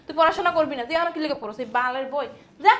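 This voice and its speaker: A woman playing a shrill, spiteful sister-in-law. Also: rapid-fire, heavy background noise, natural voice. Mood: scornful. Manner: shrill, berating, mocking. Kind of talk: amateur family drama acting.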